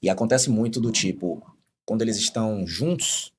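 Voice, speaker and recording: A man's voice: fairly low pitch, moderate pace, slight background noise. A man, a doctor and podcast host, telling a patient story in a hesitant way with many fillers. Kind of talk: casual podcast conversation, telling a case.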